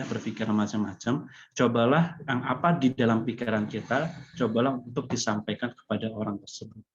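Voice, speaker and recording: A man answering a question in a webinar, calm and explanatory, with frequent hesitation fillers. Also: medium pitch. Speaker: webinar speaker. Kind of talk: advice in a Q&A. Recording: dull lo-fi online call audio.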